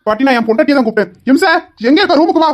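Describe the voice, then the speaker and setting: A stern young policeman husband, played by a woman who lectures firmly and fast. The voice is lowish for a woman and quick-talking. Amateur family drama. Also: fairly even intonation, muffled recording, natural voice. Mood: shouting. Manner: firm, lecturing, shouts for his wife.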